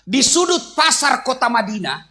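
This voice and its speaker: Man, preacher, Makassar accent, humorous sermon, talks straight to the crowd, bright voice. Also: very high-pitched, sing-song, moderate pace. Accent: Makassar Indonesian. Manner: joking, addresses the audience directly.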